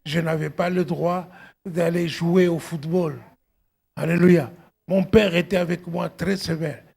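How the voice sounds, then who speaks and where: A middle-aged male pastor, who came to Belgium from abroad at eighteen, delivers an exhortative sermon in a fairly high, husky, gravelly voice that is a little mellow and steady in tone. He speaks slowly and emphatically, punctuating points with exclamations and questions to the congregation.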